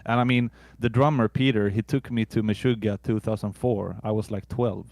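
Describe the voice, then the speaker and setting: A Swedish man in his thirties, a musician guest, chatting casually in a relaxed, halting way with casual swearing. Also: on the low side, gravelly, dry recording. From Sweden. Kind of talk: casual interview chat.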